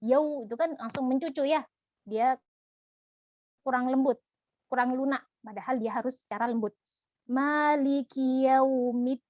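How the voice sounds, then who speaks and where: A woman teaching Quran recitation in an online lesson, patient and gentle, demonstrating each syllable slowly. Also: sits high, steady tone, no room sound, highs cut off.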